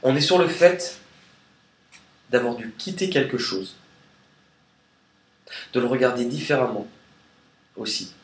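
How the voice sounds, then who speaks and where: A man's voice: mid-range voice, a little slow, pauses often. Chatty man reading tarot cards. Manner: chatty and relaxed, sings snatches of songs. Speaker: tarot card reader. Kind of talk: casual tarot reading video. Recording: echoey room with faint noise.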